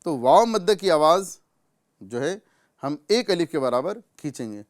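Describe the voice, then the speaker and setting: A man with a Pakistani Urdu accent teaching correct recitation, explaining patiently and drawing out individual sounds slowly as examples. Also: a little high, animated. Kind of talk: tajweed lesson with recitation examples.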